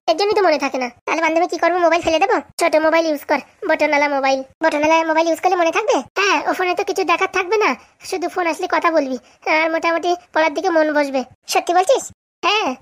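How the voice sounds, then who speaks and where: A woman performing a comic sketch, trading rapid, bickering banter. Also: extremely high pitch.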